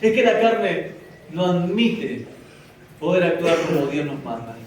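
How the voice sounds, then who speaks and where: A man's voice: a little high, big pitch swings, unhurried, slight background noise. A man preaching a sermon as pastor to his congregation, often speaking out the doubts and questions of his listeners. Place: church hall. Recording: very echoey church hall from far off.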